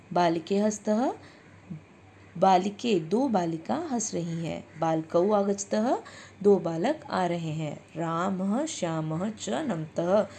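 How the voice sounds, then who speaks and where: Slow, patient woman teacher. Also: mid-range voice, warm tone, a little hiss or hum. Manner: slow, deliberate, addresses the children directly. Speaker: Sanskrit teacher. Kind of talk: classroom lesson explaining sentences.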